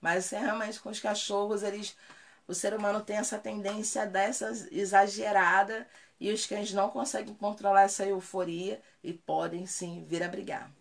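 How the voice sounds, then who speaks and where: A woman's voice: medium pitch, level tone, moderate pace, gravelly. Emphatic woman dog trainer, chatty. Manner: emphatic, conversational, repeats key points for stress. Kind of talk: casual live Q&A answering viewer comments.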